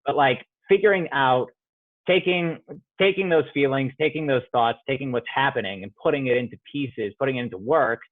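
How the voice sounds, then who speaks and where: A young male playwright answers interview questions over a video call, reflective and casual, with many fillers and restarts. His voice is mid-range, and the recording is dry, with a tinny, phone-like sound.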